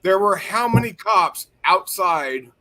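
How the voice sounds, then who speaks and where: A man's voice: high-pitched, animated, slow pace, bright, forceful tone. Profane, ranting male stream host. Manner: profane, rambling, heated when ranting. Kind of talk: casual livestream chat.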